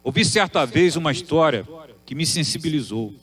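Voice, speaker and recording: A man's voice: on the high side, expressive, normal speed, a bit bright. A man preaching a sermon, posing emphatic rhetorical questions.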